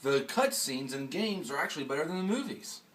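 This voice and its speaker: Brisk and very animated, this vlog host's voice sits on the high side with a fairly bright tone. He chats casually and forcefully, firing off rhetorical questions; the mic is distant and there's a little background noise.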